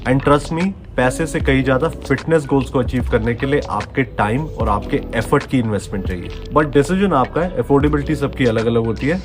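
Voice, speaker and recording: A man's voice: medium pitch, brisk, hardly any pauses. A man about to turn forty, a fitness coach giving an earnest, coaxing motivational talk and switching between Hindi and English phrases. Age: 30s. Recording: music playing underneath.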